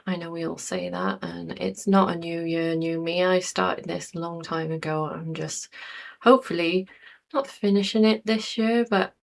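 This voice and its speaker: A woman in her forties chatting casually to camera in a rambling vlog, with lots of fillers. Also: on the low side. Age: 40s. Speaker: YouTuber.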